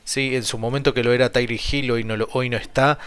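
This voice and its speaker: A man's voice: mid-range voice, fairly even intonation, fairly bright tone, clear, resonant tone. Argentine man podcasting with a sore, swollen mouth. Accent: Argentine Spanish. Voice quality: sore-mouthed speech from a swollen, split lip and cut tongue. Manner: rambling, halting, repeats himself. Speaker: podcast host. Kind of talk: casual solo sports commentary.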